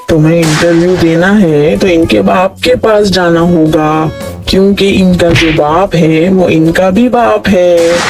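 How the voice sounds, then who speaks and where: A man voicing a smug male boss in a cartoon, coaxing and mocking. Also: sits high. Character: smug male boss who calms the quarrel. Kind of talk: cartoon dialogue. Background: music.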